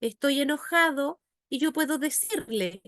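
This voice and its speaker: A woman with a high, bright-toned voice delivers a faith-based teaching talk as a psychologist and educator. She speaks earnestly, turning to her listeners again and again with rhetorical questions. The recording is close and dry, with no room sound. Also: expressive, measured pace, dry recording.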